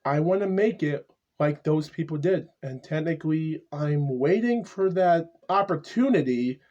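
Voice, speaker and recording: A man in his twenties talking to the camera in a casual vlog monologue, halting and repetitive, stuttering often. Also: a little high, lively intonation, darkish tone, muffled recording. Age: 20s. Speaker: YouTuber. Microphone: camera mic.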